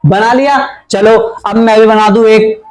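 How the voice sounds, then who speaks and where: A man's voice: high voice, fairly even intonation, unhurried, rough recording. A man teaching a playful grammar lesson at a board, chatty and teasing his students, with a Hindi accent.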